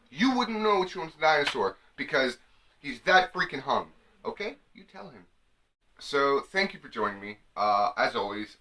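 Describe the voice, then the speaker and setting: A young man giving comic advice straight to the camera. He jokes his way through, sometimes slipping into mock women's voices. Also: on the high side. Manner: animated, jokey, slips into mock women's voices. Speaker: comedy vlogger.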